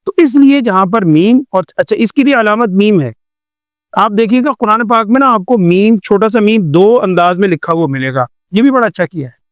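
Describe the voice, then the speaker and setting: A man's voice: high voice, expressive, no echo, studio quality. Older male teacher, patient lecture. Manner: explains patiently with repeated examples and rhetorical questions. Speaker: Quran recitation teacher. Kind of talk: classroom lecture.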